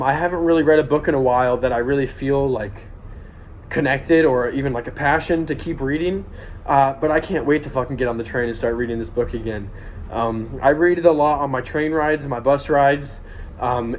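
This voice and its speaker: A man's voice: fairly high pitch, a little hiss or hum. A young man giving an earnest, blunt, swear-heavy motivational monologue to viewers while walking on a treadmill. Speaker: vlogger.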